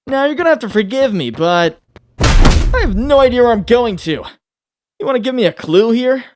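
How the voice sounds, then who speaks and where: A man's voice: extremely high pitch, expressive, normal speed, noisy background. A man voicing a young wisecracking superhero in a comic dub, self-pitying yet dauntless, with sardonic, theatrical delivery. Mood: flippant. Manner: sardonic, quippy, theatrical inner monologue. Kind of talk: comic dub character acting.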